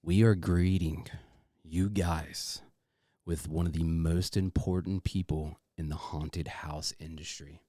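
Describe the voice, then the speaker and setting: A man with a fairly low voice co-hosts a podcast in loose, casual chat. He is effusive and repeats phrases for emphasis, and the sound is close and dry. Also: fairly even intonation, takes it slowly, warm tone, dry recording. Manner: effusive, repetitive, informal with swearing. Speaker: podcast co-host.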